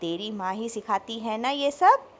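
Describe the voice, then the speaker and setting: A woman voicing an elderly grandmother who dotes on her grandson, speaking slowly and fondly, with a tart edge. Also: fairly high pitch, slight background noise, close to an everyday voice. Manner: slow, drawn-out, fond speech.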